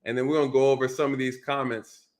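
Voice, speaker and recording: A man's voice: medium pitch, little pitch movement, fast. A man hosting a casual call-in show, speaking emphatically and repeating his points. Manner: emphatic, repetitive preaching cadence. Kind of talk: casual live-stream talk.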